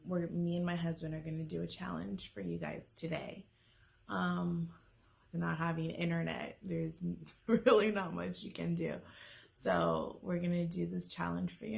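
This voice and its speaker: A woman hosts a casual family vlog, unhurried and full of hesitant pauses before turning bubbly. Her voice is somewhat low and carries a gravelly edge. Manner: hesitant, many fillers, turns bubbly. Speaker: vlog host.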